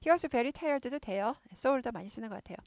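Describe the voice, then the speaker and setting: Going through a news article line by line for Korean students of English, a woman says English phrases with slow care and returns to key words again and again. She sounds a little high, with lively intonation and no room sound.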